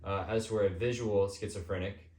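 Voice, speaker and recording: A man hosting a podcast, talking casually and personally in an informal, somewhat halting way. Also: fairly low pitch, steady tone, a little mellow. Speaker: podcast host. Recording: echoey room.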